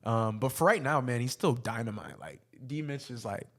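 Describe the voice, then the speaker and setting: A man's voice: mid-range voice, normal speed, fairly bright tone. A man hosting a sports podcast, giving his opinions in casual, conversational, slangy talk.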